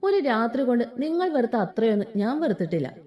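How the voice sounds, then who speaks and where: A woman voicing a wounded, defiant young wife who speaks with sharp scorn. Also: fairly high pitch, very animated, fast talker. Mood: cold.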